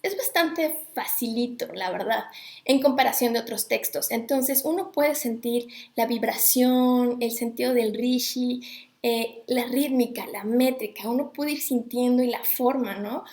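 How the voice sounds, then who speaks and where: Woman rambling friendly-like about recitation, kinda high voice, echoey room. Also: measured pace, darkish tone. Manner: chatty, digressive, greets viewers mid-talk. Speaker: host. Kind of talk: casual live talk on Sanskrit recitation.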